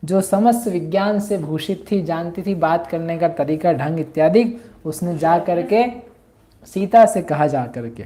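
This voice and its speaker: Slow-spoken woman teaching scripture. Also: on the low side, dark tone. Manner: explanatory, chants verses slowly. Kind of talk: scripture lesson with chanted verses.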